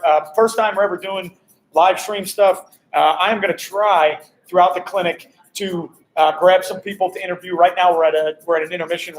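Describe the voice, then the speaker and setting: At a hotel during a coaching clinic, a high school football coach hosts a casual live-stream walkaround, upbeat as he greets viewers and passersby. The recording is rough.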